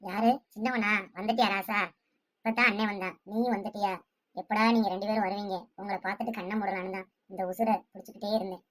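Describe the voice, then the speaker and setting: A woman's voice: mid-range voice, level tone, fast talker, natural voice. A woman voicing a frail, bedridden elderly mother who speaks in a pleading, tearful lament. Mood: tender. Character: bedridden old mother longing for her sons.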